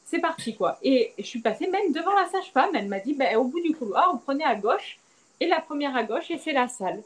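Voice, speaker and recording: Animated young woman telling a story. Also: fairly quick, a little hiss or hum, rough recording. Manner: animated, acts out quoted dialogue with big pitch swings. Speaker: guest. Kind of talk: candid storytelling about childbirth.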